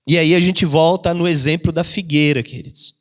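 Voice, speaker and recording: A man's voice: a little high, fairly even intonation, moderate pace. A man pastor preaching a sermon in a church, repeating key phrases and briefly acting out the voices of the people he quotes. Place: church hall. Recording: long church reverb.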